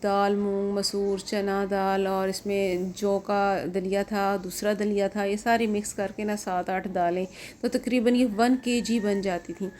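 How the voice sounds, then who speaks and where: A woman's voice: medium pitch, little pitch movement, darkish tone, slight background noise. Chatty Pakistani woman vlogging at home. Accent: Pakistani Urdu. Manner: chatty, repeats herself, many pauses and fillers. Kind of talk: casual home vlog voice-over.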